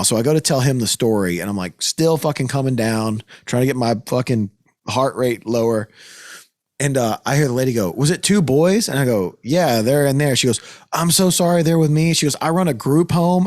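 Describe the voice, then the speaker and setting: A man, a podcast host, telling a story in a casual chat, swearing often and raising his voice when worked up. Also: on the high side. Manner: animated, profane, voice climbs when worked up.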